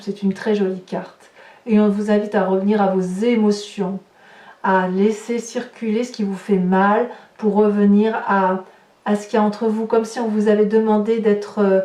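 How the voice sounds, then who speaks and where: A woman's voice: mid-range voice, darkish tone. A woman giving a tarot reading to her viewers, thinking aloud and exclaiming as she turns over cards. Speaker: tarot reader. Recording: roomy echo, voice somewhat far from the mic, faint noise.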